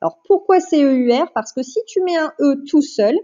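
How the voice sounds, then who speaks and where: Brief: woman teacher, fairly high mellow voice, patient dictation, muffled lo-fi sound. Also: normal speed. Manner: patient, clear, repeats and stresses syllables for dictation. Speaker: primary school teacher. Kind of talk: remote phonics lesson to a child. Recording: dull lo-fi home recording.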